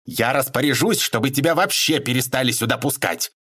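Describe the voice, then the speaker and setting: A man voicing an irritable middle-aged shop owner who snaps and shouts when pushed. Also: medium pitch, a little fast, slightly rough, voice pushed up. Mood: shouting. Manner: exasperated, shouting.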